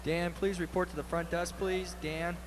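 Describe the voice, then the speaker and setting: A man's voice: sits high, little pitch movement, normal speed, noisy background. A man making a brief, matter-of-fact staff page over a PA system at an ice rink. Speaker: arena staff paging someone. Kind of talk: public address page. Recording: faint distant loudspeaker in a hall.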